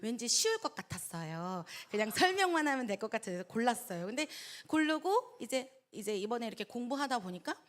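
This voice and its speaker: A middle-aged woman, a pastor's wife, teaching a church Bible study with chatty, animated storytelling and acted-out voices. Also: a little high, fairly quick, hardly any pauses. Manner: chatty, laughs between points. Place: church hall.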